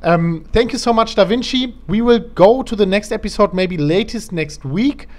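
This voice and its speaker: A man's voice: high voice, normal speed, a little mellow. A man hosting a show in a casual, conversational interview style. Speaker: show host.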